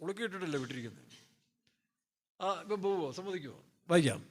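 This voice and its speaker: A man's voice: sits high, lively intonation, fast talker. A male pastor preaching a sermon in a loose, joking way, firing off rhetorical questions and playfully acting out scripture characters.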